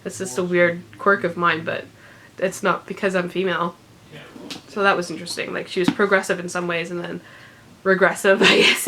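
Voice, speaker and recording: Speaking at medium pitch in a bright, forceful tone, a woman book vlogger gives a casual, unedited rundown of books she's read. She's congested and recovering from illness, rambling with plenty of ums and light laughs. The audio is poor, with slight background noise.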